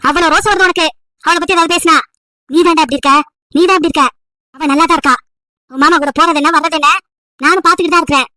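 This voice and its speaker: A woman's voice: extremely high pitch, steady tone, quick pace, long pauses, pushed and bright, dry recording, studio quality. A woman voicing a nagging, emotional old village grandmother over 70 who scolds and pleads at length. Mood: scolding. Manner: scolding, pleading, wailing complaints.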